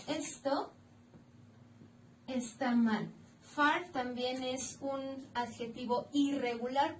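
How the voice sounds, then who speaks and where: A Mexican woman teaches grammar in a recorded lesson, walking through each rule slowly and clearly. Her voice sits high and moves at an unhurried pace. She is heard from a distance in an echoey room with a faint hum of ambience behind her. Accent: Mexican Spanish. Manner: slow, clear, stressing each rule step by step. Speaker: English teacher.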